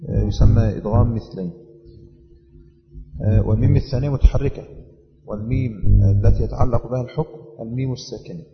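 A man with an Egyptian accent teaching the rules of Quran recitation in a measured way, repeating each rule as he explains it. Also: medium pitch, vocal fry, in a large hall, muffled recording. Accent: Egyptian Arabic. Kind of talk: tajweed lesson.

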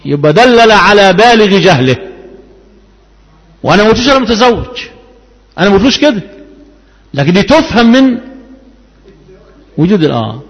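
A man's voice: sits high, breathy edge, big-room sound, rough recording. A man with an Egyptian Arabic accent teaching a Quran tafsir lesson. He asks the class questions, answers them himself and draws out key words. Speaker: religious teacher.

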